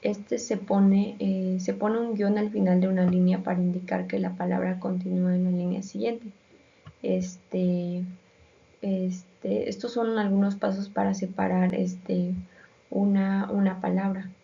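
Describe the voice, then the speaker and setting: A woman's voice: medium pitch, flat delivery, unhurried, vocal fry, mellow. Hesitant woman giving a school presentation. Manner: hesitant, many fillers. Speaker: student presenter. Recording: dull lo-fi sound.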